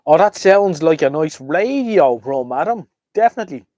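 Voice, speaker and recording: A man's voice: fairly high pitch, lively intonation, normal speed, warm tone, no room sound, clean studio sound. An Irish man chatting casually as a livestream host, hesitant and opinionated, trailing off and jumping between thoughts. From Ireland. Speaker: livestream host chatting with viewers about vintage radios. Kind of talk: casual, rambling live chat.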